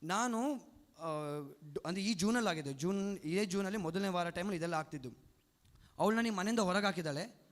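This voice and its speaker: Young man, high voice, quick speech, earnest testimony, long hall reverb. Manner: earnest, emotional storytelling with restarts. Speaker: testimony speaker at a church retreat. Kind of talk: personal testimony.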